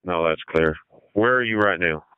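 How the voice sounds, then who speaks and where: Over a two-way radio, a fire incident commander issues terse, directive orders in a low, smooth voice at a moderate pace. The dry recording comes through a dull, band-limited fire radio channel, typical of firefighter dispatching.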